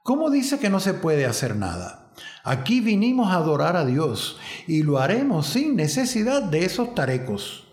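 A man voicing a humble old peasant deaconess who speaks plainly and gently scolds. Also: on the high side, huge pitch swings, moderate pace, echoey room. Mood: earnest scolding.

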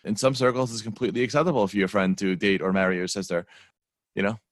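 Low-voiced male podcast co-host, dry close mic, blunt, rambling, filler-heavy. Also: steady tone, quick pace, no room sound. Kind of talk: casual movie review chat.

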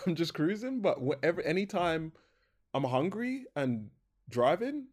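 A man's voice: high voice, huge pitch swings, slow, breathy edge. A young man hosting a podcast, chatting casually, rambling and correcting himself, laughing often. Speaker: podcast host. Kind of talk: casual chat.

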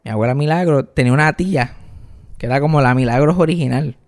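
A man's voice: fast, crowd noise. A young man telling a funny childhood story on a podcast, acting out voices and mixing in English words. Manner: animated storyteller, acts out voices with high-pitched whines. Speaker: podcast co-host. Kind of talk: casual storytelling chat.

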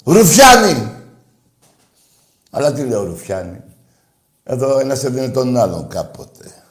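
A man's voice: very animated, roomy sound. Combative ranting radio host, a man. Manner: combative, insulting, ranting at callers; swings between loud outbursts and low muttering. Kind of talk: heated call-in show banter.

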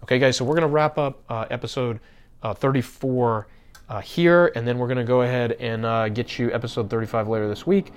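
A man's voice: medium pitch, fairly even intonation, a little fast, smooth. A man hosts a podcast in a loose, conversational way. He speaks straight to his listeners, breaks off and restarts his sentences, and fills the gaps with "uh" and "you know.". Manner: conversational, many fillers and restarts, addresses listeners directly. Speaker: podcast host. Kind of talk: casual marketing talk.

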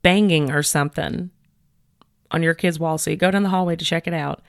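Chatty woman podcast host, lowish voice. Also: a little fast, dry recording, studio quality. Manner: chatty, animated, many "like" fillers. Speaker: podcast host retelling a case. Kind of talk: casual storytelling chat.

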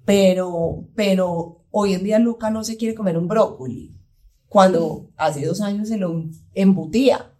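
Chatty Colombian woman with a mellow voice. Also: mid-range voice, a little slow. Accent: Colombian Paisa. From Colombia, Pereira. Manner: animated, acts out her child's voice in quotes. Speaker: guest, mother and entrepreneur. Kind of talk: casual conversational chat.

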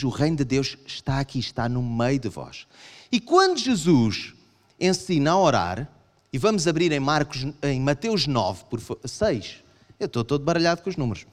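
A male preacher with a European Portuguese accent delivers a sermon, his pitch swinging widely as he voices imagined objections from the pews. His voice sits a little high for a man. The sound carries a long reverb from a large church hall. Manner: animated, acts out voices of the congregation in raised pitch.

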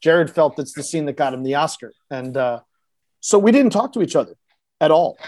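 A man sits as a podcast guest and recounts a film-set story in a loose, blunt, conversational way, now and then swearing. He slips into the voices of the people he quotes, acting their lines out. His voice sits a bit on the high side and is captured close and dry, with almost no room sound. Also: animated, normal speed, a little mellow, no room sound. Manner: vivid anecdote-teller who acts out quoted dialogue in shifting voices; casual and blunt, with occasional swearing. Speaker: actor guest.

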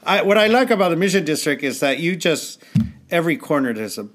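A man's voice: on the high side, big pitch swings, fairly quick, a bit bright. A man from California, a music teacher, talking enthusiastically in a casual conversation and often restarting his sentences.

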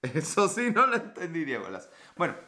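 A man's voice: fairly high pitch, huge pitch swings, normal speed, pushed and bright. A man with a Mexican accent hosting a livestream podcast, chatting casually and reading viewer comments with profane, teasing, flirty banter. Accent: Mexican Spanish.

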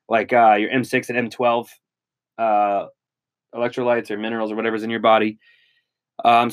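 A young man co-hosting a podcast in casual chat, rambling through tips he reads aloud, with lots of filler words. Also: medium pitch. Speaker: podcast co-host.

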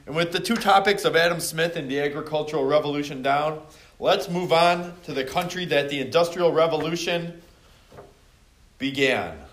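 Fairly high in pitch and fairly bright, this teacher's voice moves at a moderate pace. The middle-aged man leads his class through a playful review quiz, naming students as he calls on them, in an echoey room with faint background noise.

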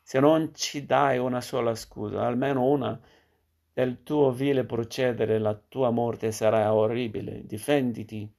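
A man's voice: mid-range voice, steady tone, unhurried, vocal fry. A man reading the lines of a grim young woman who threatens her betrayer. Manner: dark, threatening.

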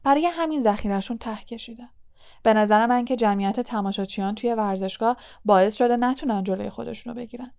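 A woman reading the part of a gentle, weary middle-aged male teacher, calm and earnest, in an audiobook. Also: on the high side, creaky, smooth. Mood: grave. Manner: calm, earnest, comforting explanation.

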